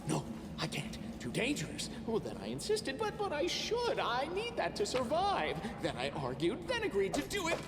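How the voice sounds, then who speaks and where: Casting: unhinged, bloodthirsty game adventurer, creaky and erratic, in heavy reverb under music. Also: male voice, extremely high pitch, wildly swooping pitch, normal speed, heavily acted. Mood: frantic indecision. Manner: erratic, theatrical, self-contradicting. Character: manic, bloodthirsty madman adventurer bickering with himself. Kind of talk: video game character barks.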